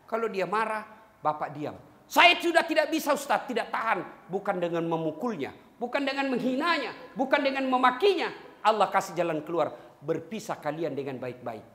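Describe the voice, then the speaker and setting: Animated male preacher in an echoey hall. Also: high-pitched, a little fast. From Indonesia. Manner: animated, jokes with the crowd, breaks into song. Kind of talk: lively sermon to a congregation. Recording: echoey hall with long reverb.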